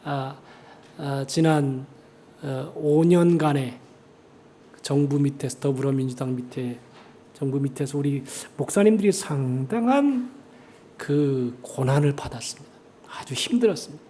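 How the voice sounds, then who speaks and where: A man's voice: medium pitch, animated, measured pace, mellow, slight background noise. A man preaching a church sermon as pastor, rising dramatically when he quotes scripture. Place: church sanctuary.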